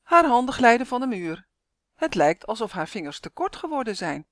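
A woman reading a children's story aloud, lively and acting out the characters. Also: on the high side, normal speed, no echo, clean studio sound.

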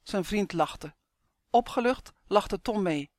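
An audiobook narrator reading a story in a calm, even storytelling manner. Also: medium pitch, takes it slowly, no echo.

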